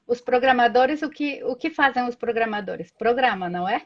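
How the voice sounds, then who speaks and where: A woman's voice: a little high, animated, normal speed. Chatty woman on a lo-fi call. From Colombia. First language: Spanish. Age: 30s. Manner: chatty, storytelling with many tag questions. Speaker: guest. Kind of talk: casual chat in a live video call. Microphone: video call.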